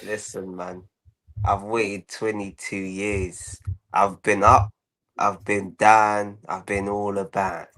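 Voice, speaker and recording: A man's voice: lowish voice, flat delivery, takes it slowly, a bit bright, low-quality recording. A man presenting as a football fan, speaking in boastful, rhetorical declarations with repeated phrases.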